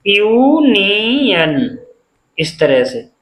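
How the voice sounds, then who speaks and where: A man's voice: high voice, big pitch swings, very slow, a bit bright, reverberant, poor audio. A man teaching a beginners' phonics lesson, spelling words letter by letter and answering his own questions.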